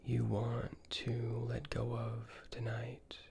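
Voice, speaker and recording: An ASMR host speaking in a soft, breathy, soothing whisper, gently asking the listener questions with long pauses, close to the microphone. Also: medium pitch, monotone. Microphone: close ear-to-ear microphone.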